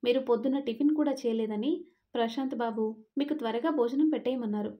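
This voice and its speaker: A woman's voice: on the high side, fast, dull audio, natural voice. A woman reading aloud, voicing a respectful, motherly household helper. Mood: polite.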